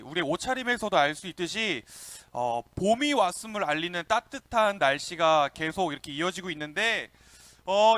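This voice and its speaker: Young male youth pastor, bright and animated, preaching to children with lots of call-and-response. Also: high-pitched, dry recording. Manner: lively, calls out to kids and asks questions. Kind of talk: children's sermon.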